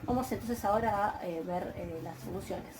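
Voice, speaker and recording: Argentine woman lecturer, mid-pitched, patient and hesitant, faint hiss behind. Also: normal speed. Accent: Argentine Spanish. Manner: patient, explanatory, frequent hesitations and checking questions. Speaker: university Greek teacher. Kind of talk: recorded online lecture.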